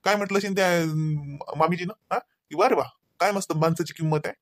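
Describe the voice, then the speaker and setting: Guy doing a cranky cartoon husband, rapid-fire lecturing, dry studio. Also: high-pitched, no room sound, close to an everyday voice. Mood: scolding. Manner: nagging, lecturing, rapid scolding. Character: scolding husband Ravi, grown man, short-tempered. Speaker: voice actor. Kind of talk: cartoon voice acting.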